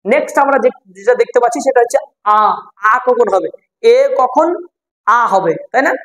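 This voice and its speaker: A woman teaching English reading, explaining slowly, repeating words and spelling them out letter by letter, with some English phrases mixed in. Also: fairly high pitch, expressive, poor audio. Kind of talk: explanatory online lesson.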